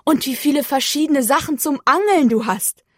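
In a dry, studio-quality recording, a woman uses a high voice, pitched above her natural one yet close to everyday speech, at a moderate pace. She plays a cheerful, curious cow mother in a storybook, eager, gushing, and delighted.

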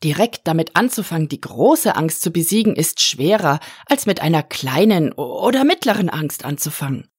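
Lady doing a calm helpful kid in a storybook, coaxing tone, husky voice. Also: low voice, moderate pace, few pauses, no echo, studio quality, heavily acted. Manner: patient, coaxing. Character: calm, patient boy helping the dragon.

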